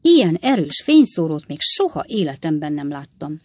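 A woman playing a fussy elderly gentleman. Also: sits low, big pitch swings, no room sound. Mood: flustered.

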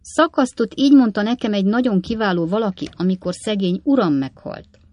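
A woman's voice: medium pitch, darkish tone, no room sound, muffled recording, pitched above the performer's own voice, close to an everyday voice. A woman voicing a plump, widowed cook in an audiobook, talking in a wheedling, coaxing way.

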